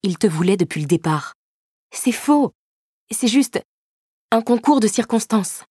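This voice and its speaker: A woman's voice: on the low side, normal speed, a little mellow, dry recording, clean studio sound, lightly acted. A woman playing a hurt, defiant young woman. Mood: upset.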